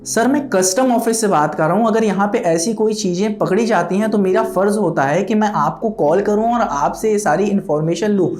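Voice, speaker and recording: A man voicing a pushy male scammer posing as a customs officer, insistent and calmly reassuring. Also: sits high, fairly quick, few pauses, echoey room, faint music behind, lightly acted. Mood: official.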